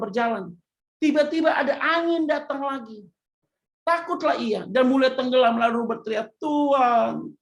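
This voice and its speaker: A woman pastor, preaching a sermon that swings from hushed to loud emphasis. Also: high voice.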